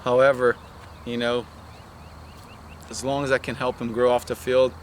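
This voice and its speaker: A man's voice: mid-range voice, flat delivery, normal speed. Brazilian-born man, outdoor traffic noise. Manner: rambling, many restarts and "you know" fillers. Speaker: head women's soccer coach. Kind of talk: casual interview.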